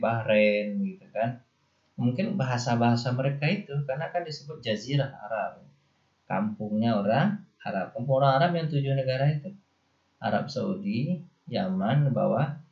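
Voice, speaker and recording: Man, Indonesian accent, lecturing a class, conversational asides, low-pitched, dull lo-fi sound. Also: vocal fry. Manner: explanatory, loose and conversational, with frequent "ya" and "nih" asides. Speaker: Islamic studies teacher.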